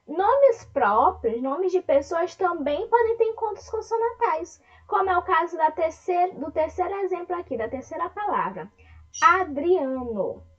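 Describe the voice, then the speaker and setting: A woman teaching an online lesson to young children, speaking with a Brazilian Portuguese accent. She talks slowly and breaks words into syllables, often asking the class questions. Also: very high-pitched, lively intonation, lo-fi sound. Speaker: primary school teacher.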